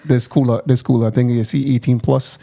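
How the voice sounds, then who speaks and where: A man's voice: mid-range voice, little pitch movement, brisk, vocal fry, mellow. A man co-hosting a podcast, joking and teasing in crude casual banter. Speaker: podcast co-host.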